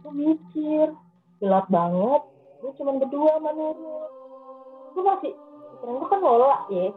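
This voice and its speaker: A woman's voice: high voice, moderate pace. A woman, animatedly telling a ghost story in a casual chat. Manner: animated, acts out voices in her story. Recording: tinny phone-like sound with faint music.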